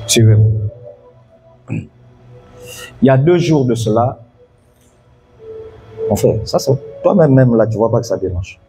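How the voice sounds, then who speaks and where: A man's voice: mid-range voice, big pitch swings, moderate pace, dark tone, faint music behind. A pastor preaching an evening sermon, telling a story and calling out to his congregation to follow him.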